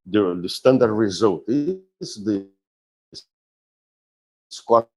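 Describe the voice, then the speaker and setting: Guy with a lowish voice giving a conference lecture, slow and careful, lots of uh and restarts. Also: expressive. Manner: halting, with frequent restarts and fillers; deliberate, explanatory. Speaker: philosophy professor giving a talk.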